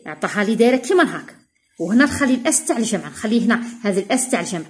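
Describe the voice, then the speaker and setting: A woman with an Algerian Arabic accent gives a recorded revision lesson for primary pupils. She explains in dialect, slowly dictates French sentences and spells word endings letter by letter. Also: medium pitch, big pitch swings. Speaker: primary school teacher.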